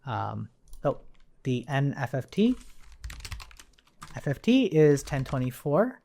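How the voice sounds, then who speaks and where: A programming tutorial instructor gives an informal, explanatory coding walkthrough, thinking aloud as he goes. His mid-range voice is warm and sing-song with vocal fry at a slow pace, over faint background noise and the clicks of keyboard typing.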